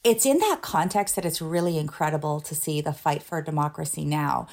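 A woman's voice: sits low, brisk, vocal fry, darkish tone. A middle-aged woman from Iran, a former government official, speaking earnestly as a podcast guest. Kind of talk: interview conversation.

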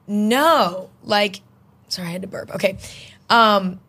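A woman's voice: mid-range voice, expressive, a little slow, pushed and bright, breathy edge. A young woman who creates online videos, a guest on a chat show, talking casually and rambling, with lots of "like.". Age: young adult. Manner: rambling, heavy use of "like".

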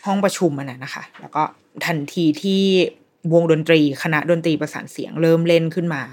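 Woman host, casual solo review, lower-pitched voice, chatty and animated with restarts. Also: a little fast. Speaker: podcast host reviewing a series.

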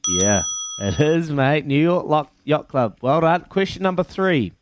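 A man's voice: a little high, expressive, unhurried, music in the background. A man with a New Zealand accent hosting a casual phone-in radio quiz, matey and fond of repeating his phrases.

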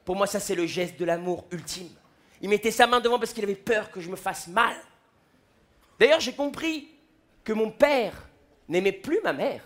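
High-voiced animated male stand-up comic. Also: normal speed. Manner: animated, acting out quoted voices. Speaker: stand-up comedian. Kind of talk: stand-up routine on stage. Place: large comedy festival stage. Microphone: stage microphone.

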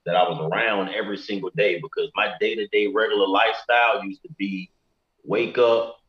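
A man with a lowish voice shares his own story in casual, candid slang. The sound is muffled, with a clear room echo around him. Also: steady tone, a little fast. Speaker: interview guest. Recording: echoey room, muffled audio.

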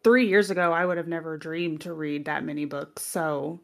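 A woman chats casually as a podcast co-host. Her voice is a little lower than most women's. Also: steady tone, normal speed, creaky, a bit bright. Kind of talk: casual chat.

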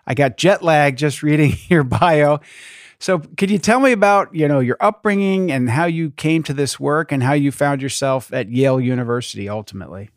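A man's voice: fairly high pitch, normal speed, no echo, studio quality. A man hosting a podcast, reading a scripted introduction and then asking friendly, conversational questions. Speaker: podcast host. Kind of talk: podcast interview.

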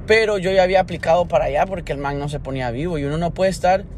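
A man's voice: on the high side, rapid-fire, slight background noise. A man talking casually and thinking aloud in a vlog, rambling with many restarts. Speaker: vlogger. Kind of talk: casual reflective monologue.

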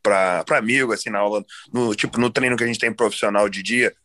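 A young man from Brazil, a guest on a podcast, chatting in a relaxed, rambling way. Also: lowish voice, quick pace. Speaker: podcast guest, jiu-jitsu athlete. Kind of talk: casual chat.

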